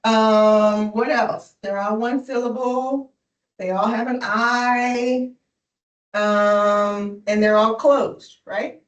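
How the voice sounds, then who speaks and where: A slow-speaking woman leads a one-on-one phonics lesson, gently encouraging and checking in with her student. Her voice sits a bit high and comes from a distance in a roomy space. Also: steady tone, lo-fi sound. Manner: patient, encouraging, checks with "right?". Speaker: reading tutor.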